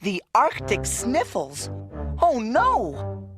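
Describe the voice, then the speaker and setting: An actor voicing a friendly, gentle male octopus who speaks cheerfully and patiently. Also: very high voice, huge pitch swings, very slow, full character voice. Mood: kind. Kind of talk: cartoon voice acting. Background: cartoon music.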